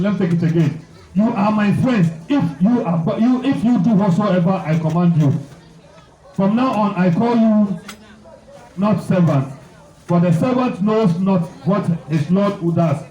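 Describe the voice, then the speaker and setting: Preacher, high voice, echoey room. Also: male voice, dark tone, far from the mic, lo-fi sound. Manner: prays blessings, then reads scripture aloud, repeating phrases for emphasis. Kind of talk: sermon with scripture reading.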